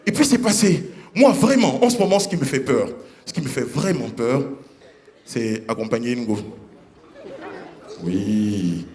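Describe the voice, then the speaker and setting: A man performing a stand-up comedy set on stage, animated and acting out characters with sudden high voices. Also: a little slow, pauses often, a faint crowd. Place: comedy stage before a live audience. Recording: roomy live stage sound with audience.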